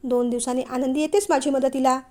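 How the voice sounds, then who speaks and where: A woman voicing an anxious, soft-hearted middle-aged mother who fusses over her sons in a storybook reading. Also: high-pitched, steady tone, fairly quick, natural voice. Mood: worried. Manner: anxious, fussing.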